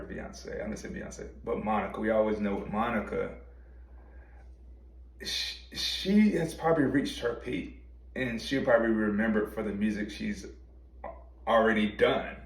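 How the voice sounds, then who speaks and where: Male podcast co-host, gravelly lowish voice, measured, distant from mic in an echoey room. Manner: thoughtful, measured, with slips and restarts. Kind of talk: casual chat.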